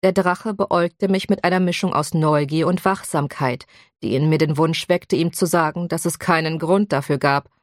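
A woman narrates a first-person audiobook in an even, measured storytelling voice. Her voice sits low, and the sound is dry and close with no room. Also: no room sound.

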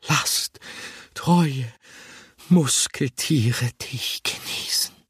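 A man voicing a greedy, dreamy male mouse who longs for cheese, breathy and drawn out. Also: mid-range voice, sing-song, unhurried, dry recording, clean studio sound, voice pushed up, full character voice. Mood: whispering.

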